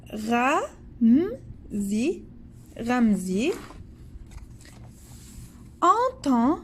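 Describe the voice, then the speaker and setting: Slow, patient woman teaching French to children. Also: fairly high pitch, darkish tone, a little hiss or hum. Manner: slow, patient, spells out letters and silent endings. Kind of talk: slow read-aloud French lesson for children, with English glosses.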